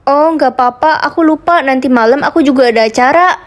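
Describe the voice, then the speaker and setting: A woman's voice: high-pitched, quick pace. A young woman leading her own comedy skit, talking in a naive, chatty, playful way. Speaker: skit creator and lead.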